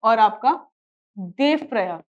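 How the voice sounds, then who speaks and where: A woman with an Indian accent lectures on geography with a high, unhurried voice, drilling memory tricks and checking if students follow. The sound is a little muffled and lo-fi. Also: animated. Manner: repetitive, drills mnemonics, asks students questions. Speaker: geography teacher for exam prep. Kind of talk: classroom lecture mixing Hindi and English.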